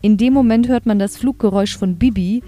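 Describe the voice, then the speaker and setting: Warm-voiced woman chatting enthusiastically. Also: mid-range voice, fairly quick. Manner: chatty, enthusiastic, reads quotes aloud. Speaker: podcast host reviewing an audio drama. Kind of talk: casual chat.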